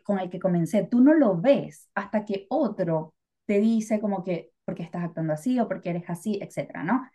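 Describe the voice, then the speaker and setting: A woman's voice: mid-range voice, mellow. A Venezuelan woman co-hosting a podcast, talking in a chatty, reflective way with lots of fillers. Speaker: podcast co-host. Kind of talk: casual podcast chat.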